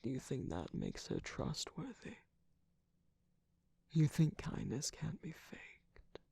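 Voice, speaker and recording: A man voicing a sly, distrustful jester cookie villain in an intimate ASMR roleplay, teasing and theatrical in a breathy, husky, often whispered voice close to the microphone. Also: a little high, wildly swooping pitch, slow, warm tone, no room sound, full character voice. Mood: mocking, guarded. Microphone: close-up microphone, dry.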